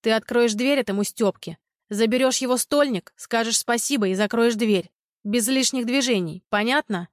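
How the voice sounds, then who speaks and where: A man's voice: very high-pitched, moderate pace, no echo, studio quality. A woman playing a mocking, leering thug. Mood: mocking menace. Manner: mocking, menacing. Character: wiry, leering male thug, cruel and mocking.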